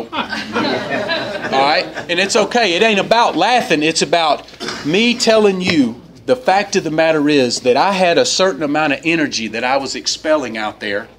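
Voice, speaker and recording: A man sharing his personal recovery story at a meeting, animated and storytelling, jumping up in pitch when he quotes people. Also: background noise. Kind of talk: personal testimony talk. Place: meeting hall.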